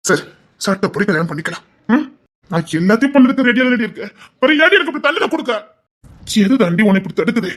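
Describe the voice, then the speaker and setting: Man acting desperate young lover, Tirunelveli accent, high-pitched, pleading then shouting. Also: sing-song, quick pace, exaggerated voice. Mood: impassioned. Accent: Tirunelveli Tamil. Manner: swings from hushed pleading to shouting. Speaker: actor in a romance drama. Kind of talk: emotional drama acting.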